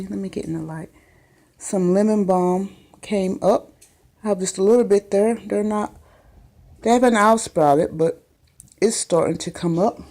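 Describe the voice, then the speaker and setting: Speaking in a mid-range voice with a dark tone, a gardening vlogger gives a casual tour of her small makeshift greenhouse indoors. She records it on a handheld phone, chatting and meandering with plenty of ums.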